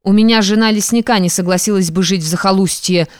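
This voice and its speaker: A woman's voice: mid-range voice, fast, a little mellow, no room sound, studio quality, lightly acted. A woman reading the part of a gloomy, blunt blind man who speaks with a sigh. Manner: gloomy, sighing. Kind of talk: audiobook reading.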